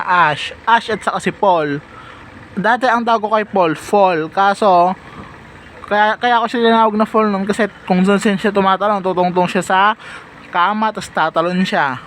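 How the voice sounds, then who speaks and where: A man's voice: high-pitched, fairly bright tone, a little hiss or hum, poor audio. A young man vlogging casually at home, talking playfully and fondly to his cats with sudden squealing bursts. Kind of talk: casual vlog talk to camera.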